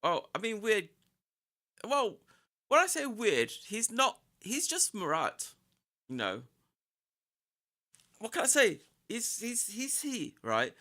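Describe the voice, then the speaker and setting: Boyish-voiced woman streamer with lively, swinging pitch. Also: takes it slowly, pauses often. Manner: rambling, repeats and breaks off phrases. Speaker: live streamer. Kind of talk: casual livestream chat.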